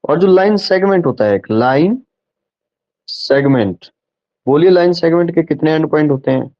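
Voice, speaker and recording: A man's voice: fairly high pitch, expressive, normal speed, lo-fi sound. Patient man teaching an online class. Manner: patient, repeats and checks understanding. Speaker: online tutor.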